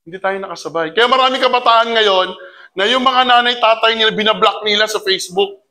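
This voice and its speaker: A man leads a community orientation, talking to his audience in a lively seminar style. His voice sits high and sounds bright and forceful. He slips English phrases into his talk and keeps putting rhetorical questions to the room. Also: brisk.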